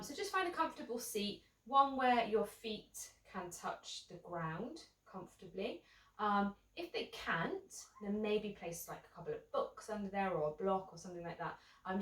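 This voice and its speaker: A woman teaching a seated yoga class, talking gently and casually, with many ums. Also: medium pitch, expressive, moderate pace, roomy sound, far from the mic, poor audio. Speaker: yoga instructor. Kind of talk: guided seated yoga instruction.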